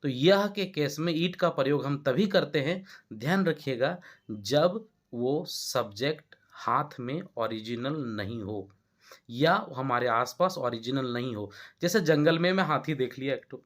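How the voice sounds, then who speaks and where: A man's voice: medium pitch, expressive, a little slow, fairly bright tone. A man with an Indian accent teaching English grammar in a classroom-style lesson, often stopping to check that students follow. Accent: Indian Hindi-speaking. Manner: explanatory, checks understanding with repeated questions.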